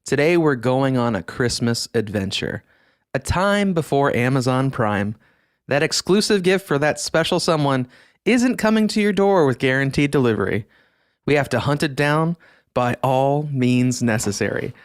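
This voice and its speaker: A man's voice: medium pitch, expressive, normal speed, dry recording. A man hosting a podcast, chatting in an enthusiastic, easygoing way and laughing easily, on a close studio mic. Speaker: podcast host. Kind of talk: casual podcast chat.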